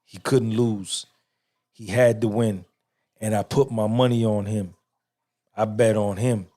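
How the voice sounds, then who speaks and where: A man's voice: on the low side, steady tone, measured pace, mellow. A middle-aged man hosting a podcast, giving an emphatic, swaggering motivational monologue full of repetition and cursing. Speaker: podcast host.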